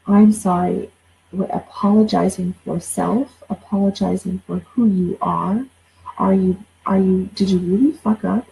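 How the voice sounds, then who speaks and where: A woman's voice: medium pitch, steady tone, unhurried, creaky, mellow, poor audio. A woman in her forties, a life coach, talking casually and bluntly, swearing and repeating herself as she gets going. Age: 40s. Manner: blunt, swears, repeats words when fired up. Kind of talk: casual livestream talk.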